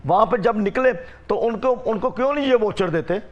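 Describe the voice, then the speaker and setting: This is a man with a notably high voice. He argues heatedly as a union representative on a studio panel. He keeps cutting back in to demand the floor. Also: moderate pace, highs cut off. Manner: forceful, insistent, keeps demanding to be heard. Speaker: rickshaw union representative guest.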